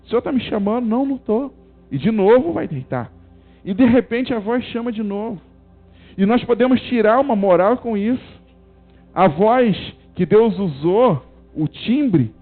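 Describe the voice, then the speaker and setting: A man with a high voice preaching at a church service, stressing each short phrase and repeating it. The recording is thin and muffled, as if over a phone, with soft music in the background. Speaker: pastor. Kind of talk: sermon. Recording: tinny phone-like sound with faint music.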